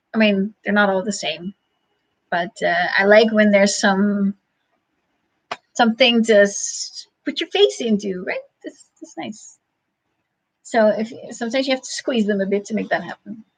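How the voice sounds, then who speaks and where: A woman hosting a casual livestream, answering chat questions in a halting, thinking-aloud way with frequent chuckles. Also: medium pitch, a bit bright, poor audio.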